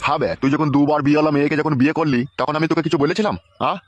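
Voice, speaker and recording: A man voicing an exasperated middle-aged father who shouts, swears and rants. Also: fairly high pitch, fairly even intonation, highs cut off, heavy background noise, lightly acted. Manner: shouting, swearing, rapid ranting.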